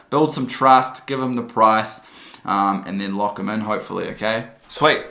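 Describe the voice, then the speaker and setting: A man's voice: lowish voice, a bit bright, echoey room. A man with a New Zealand accent who runs a car detailing business, talking casually in an informal, salesy way as a vlogger. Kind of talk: casual vlog talk and sales calls.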